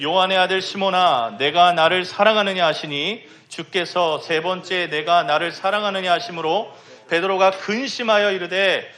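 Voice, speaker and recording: A man's voice: high voice, pushed and bright. A young man preaching a sermon in a church, impassioned and rising to emphatic pleading. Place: church sanctuary.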